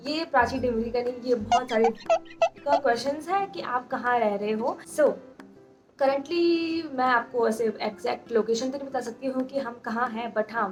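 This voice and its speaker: Young woman in her twenties, fairly high voice, quick casual Q&A vlog delivery on a handheld phone, faint music underneath. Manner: talks fast, mixing in English words. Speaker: nursing graduate vlogger. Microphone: phone held in hand.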